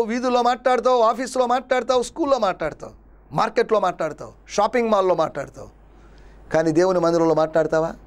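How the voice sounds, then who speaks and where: A man preaching a sermon as a pastor, with dramatic repetition and rhetorical questions. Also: sits high. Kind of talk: Telugu sermon.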